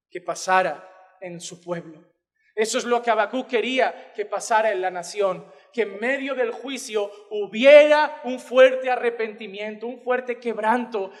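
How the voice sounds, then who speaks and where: A man's voice: extremely high pitch, a bit bright. A man preaching an emphatic, impassioned sermon. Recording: long hall reverb.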